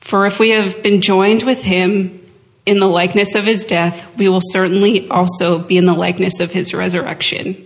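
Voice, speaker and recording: A woman reading a scripture passage aloud to a congregation in a steady, measured way. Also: mid-range voice. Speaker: scripture reader.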